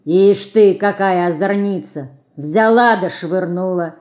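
A woman reader voicing a weary, poor old organ grinder who speaks slowly in a folksy, mildly complaining way. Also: lowish voice, darkish tone, lo-fi sound. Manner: slow, folksy, mild complaining.

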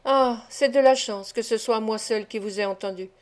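A woman reader puts on a scheming old fence, sly and wheedling, his voice kept hushed and oily in a storybook reading. It sits a touch high, delivered as steady, clean narration. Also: moderate pace, lightly acted. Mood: confiding.

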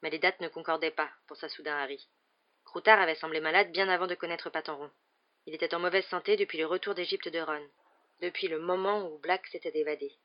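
Woman, audiobook narrator, even measured reading, lowish voice, muffled sound. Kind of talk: scripted narration. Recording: dull muffled audiobook recording.

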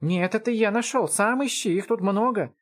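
A man's voice: high voice, moderate pace, voice pushed up, close to an everyday voice. A man voicing an eager, gleeful little boy in a raised childlike voice. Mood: excited.

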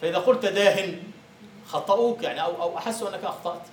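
A man's voice: high voice, rapid-fire, a little hiss or hum. A male university lecturer teaching a class, explaining by asking the students questions and answering them himself. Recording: echoey room from far off.

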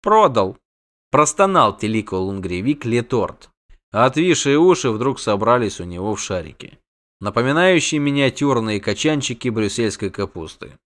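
Lively male audiobook narrator. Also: medium pitch, moderate pace.

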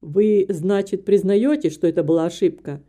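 A woman's voice: mid-range voice, normal speed, dark tone, close to an everyday voice. A woman reading a proud, bitter young man in an audiobook, speaking in a cold, clipped, reproachful way.

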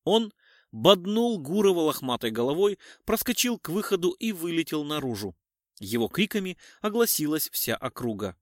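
A man narrating an audiobook in an even storytelling manner. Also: fairly high pitch, moderate pace, no room sound, studio quality.

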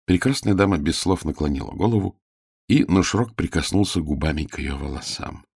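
A man reading a story aloud in a dramatic, lively way. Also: low-pitched, a little fast, vocal fry, breathy edge, no echo, studio quality. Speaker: audiobook narrator. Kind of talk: expressive storybook narration.

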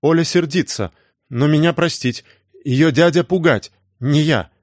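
A man voicing a halting teenage boy. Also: fairly high pitch, no echo, clean studio sound, voice pushed up, natural voice. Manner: halting, telegraphic short phrases.

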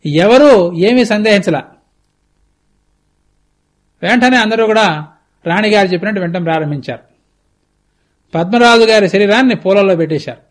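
High-voiced man telling a scripture story. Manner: conversational, explanatory, with lively asides. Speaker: spiritual teacher. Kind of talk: religious discourse with storytelling. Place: TV studio.

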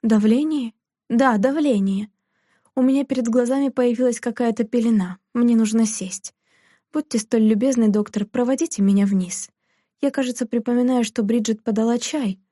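A woman's voice: moderate pace, dark tone, no echo, clean studio sound, natural voice. A woman reading aloud, voicing a stingy, domineering elderly aunt who fusses and complains. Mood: bossy fretful. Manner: shrill, fretful and bossy.

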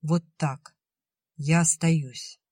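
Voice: mid-range voice, fairly even intonation, drawn-out words, a little mellow, slightly rough, no room sound, studio quality. An audiobook reader voicing a headstrong sister who speaks in a clipped, firm way. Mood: curt. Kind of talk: audiobook character reading.

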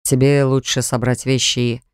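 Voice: medium pitch, level tone, normal speed, smooth, no echo, clean studio sound, voice pushed down, natural voice. A woman reader voicing a young husband who speaks curtly and sternly, in an audiobook story. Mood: cold, stern. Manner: curt, stern. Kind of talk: audiobook character voice.

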